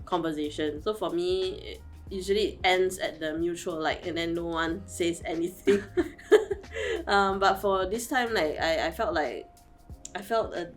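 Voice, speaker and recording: A woman in her thirties giving thoughtful, measured answers in an interview. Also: lowish voice, animated, faint music behind. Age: 30s.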